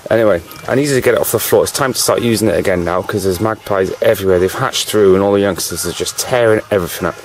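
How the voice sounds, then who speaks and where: A man's voice: on the low side, fast, few pauses, soft background music, poor audio. A British man chatting casually on his own channel, rambling and peppering his talk with "you know", at times with a cigarette in his mouth. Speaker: vlogger.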